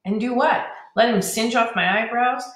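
A woman's voice: mid-range voice, animated, moderate pace, fairly bright tone, natural voice. A woman reading as a feisty young mage girl. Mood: spirited. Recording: roomy echo.

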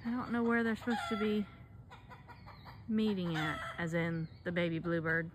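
A woman filming birds in her yard on a phone, quietly narrating what she sees in a casual way. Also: lowish voice, level tone, normal speed, background noise. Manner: softly commenting while filming wildlife. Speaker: homestead vlogger. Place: outdoors in a yard by a house. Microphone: phone camera held by the speaker.

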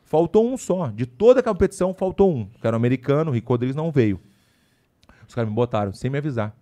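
A man, a podcast guest, telling a story casually in an animated, slangy way with lots of asides. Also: mid-range voice, quick pace.

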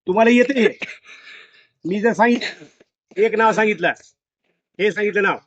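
A man's voice: high voice, moderate pace, a little hiss or hum. A male school teacher teaching a classroom of pupils, repeating his questions over and over as he drills them. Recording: dull lo-fi, dry sound.

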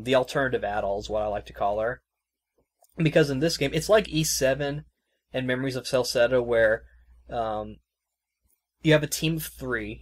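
A male podcast host with an ordinary mid-range voice, talking loosely about a game. His sentences wander and restart, and he pads them with fillers. His tone stays casual and easygoing. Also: mid-range voice. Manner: rambling, loose and conversational with many fillers. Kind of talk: casual chat.

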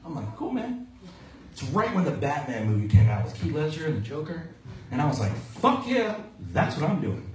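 A man's voice: a little high, very animated, normal speed, slight background noise. A man in his thirties from Maryland doing a brash, profane stand-up set on a small club stage, acting out the people in his stories. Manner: brash, profane storytelling, acts out quoted voices. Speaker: stand-up comedian. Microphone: handheld mic, filmed from the audience. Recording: roomy club sound from far off, loud audience laughter. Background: audience laughter.

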